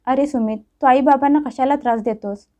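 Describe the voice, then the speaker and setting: Brief: scheming sister, read by a woman, defensive and self-pitying, high, mellow voice. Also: steady tone, a little fast, highs cut off, lightly acted. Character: scheming sister who fakes tears.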